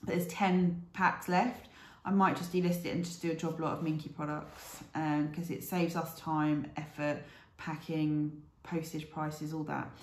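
A woman's voice: low voice, flat delivery, measured pace, echoey room. A British woman in her thirties, chatting casually to camera in a rambling, aside-filled way as a reseller vlogger. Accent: British English.

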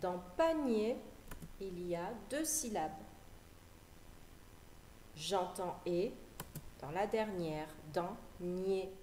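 A woman teaching a phonics lesson to young children, repeating each word slowly and articulating carefully. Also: lowish voice, lively intonation, dark tone, a little hiss or hum. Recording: echoey room with faint ambience.

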